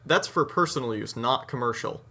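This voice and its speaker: An eighteen-year-old man from the United States co-hosting a podcast, chatting in animated, opinionated run-on sentences. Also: medium pitch, normal speed, gravelly, husky. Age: teens. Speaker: podcast co-host. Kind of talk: casual chat.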